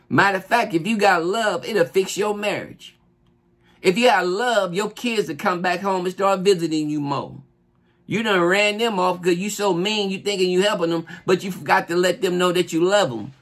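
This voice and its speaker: A man's voice: high voice, a bit bright. A middle-aged man giving an earnest, informal sermon, exhorting and repeating key phrases for emphasis. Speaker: preacher, church elder. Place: small furnished living room, indoors.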